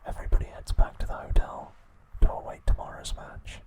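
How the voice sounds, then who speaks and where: Speaking in a soft, breathy whisper, this male ASMR host walks through episode summaries. His phrases come out short and measured.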